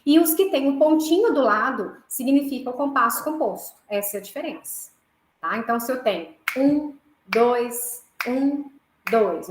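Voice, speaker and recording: Brazilian woman music teacher, higher voice, explanatory, in an echoey room. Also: a bit bright. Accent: Brazilian Portuguese. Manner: explanatory, frequent "né" and "tá" checks, counts beats aloud. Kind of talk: online class lecture.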